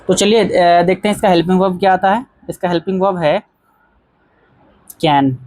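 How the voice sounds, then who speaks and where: A teacher giving a grammar lesson, calling viewers friends, repeating key phrases and reading example sentences out slowly. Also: medium pitch, a little mellow.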